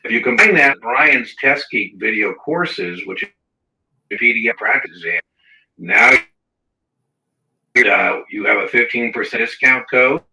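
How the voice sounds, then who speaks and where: A man hosting a live exam-prep Q&A, chatty and repeating words for emphasis, heard through tinny, low-quality audio that cuts in and out. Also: expressive, a little slow, vocal fry, pauses often, pushed and bright. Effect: tinny, low-quality audio cutting in and out. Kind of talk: casual livestream talk. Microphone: wrong mic across the room. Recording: tinny, roomy sound from a mic far off.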